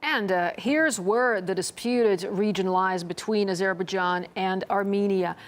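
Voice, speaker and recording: A woman's voice: medium pitch, a little slow. A woman presenting scripted television news as an anchor. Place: TV studio.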